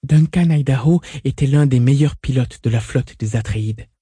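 A man voicing a composed woman fugitive who explains things calmly. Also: mid-range voice, moderate pace, breathy edge, no echo, close to an everyday voice. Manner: calm, explaining.

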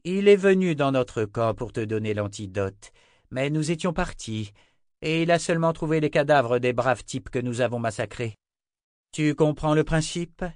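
A man's voice: mid-range voice, animated, normal speed, darkish tone, clear, resonant tone, no echo, clean studio sound, voice pushed up, lightly acted. A man reading an audiobook voices a stern woman speaking with icy sarcasm. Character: stern woman, coolly ironic.

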